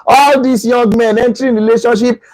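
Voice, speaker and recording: A jealous, dramatic young woman with a Nigerian accent whines and frets in high, climbing exclamations, as a preacher puts her on. The voice stays husky and dry, close to the mic. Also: expressive, fairly quick, dark tone, no echo. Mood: suspicious, indignant.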